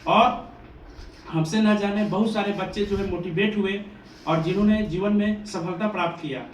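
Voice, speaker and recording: A man's voice: high-pitched, steady tone, normal speed. A man from Bihar who runs a coaching institute, giving an earnest, devotional motivational address to students. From Bihar, India. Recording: echoey room, distant mic, faint ambient noise.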